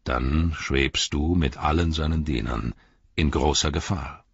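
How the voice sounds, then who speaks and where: A grave old wizard speaks in a stern, measured way, as a man reading an audiobook puts him on. His voice is very deep and husky, and it sits low and steady. The sound is dry and slightly dull. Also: no room sound, full character voice.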